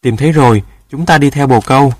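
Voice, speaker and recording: A man's voice: medium pitch, fast talker, a little mellow, husky, no echo, natural voice. A man voicing a proud, friendly boy of about twelve in a storybook, a bit boastful. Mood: cocky.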